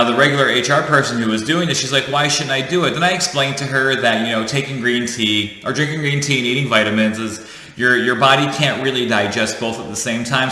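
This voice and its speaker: A man in his thirties from the United States, speaking at a medium pitch with a sharp edge, chats to his viewers like a vlogger. He tells a personal story to camera in a casual, joking way, correcting himself along the way. The room is echoey, with a long reverb tail.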